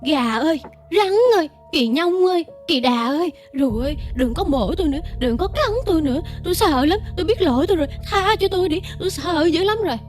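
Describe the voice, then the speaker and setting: A woman's voice: lively intonation, quick pace, few pauses, soft background music. A woman voicing a dying old woman who screams and begs animals to stop hurting her. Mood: terrified pleading. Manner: shrill pleading cries.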